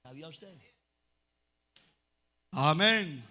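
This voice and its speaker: A Colombian man delivers a dramatic Pentecostal sermon in a high, bright voice. He rises to shouted praise, then drops to low, confiding tones, preaching to a congregation in a church. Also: lively intonation, drawn-out words. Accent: Colombian Spanish. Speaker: pastor. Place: church service before a congregation.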